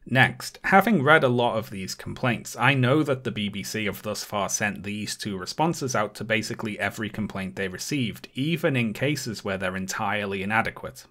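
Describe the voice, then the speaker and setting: A man with a fairly low voice talks through a scripted video essay. His tone is sarcastic and indignant, and he leans hard on key words as he makes his case. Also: normal speed, hardly any pauses, sharp tone. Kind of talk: scripted commentary.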